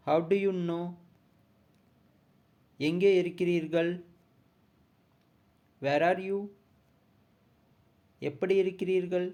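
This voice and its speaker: Very slow male teacher. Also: fairly high pitch, darkish tone. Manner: reads each question carefully, pausing between pairs. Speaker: spoken English teacher. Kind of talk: slow bilingual sentence drill.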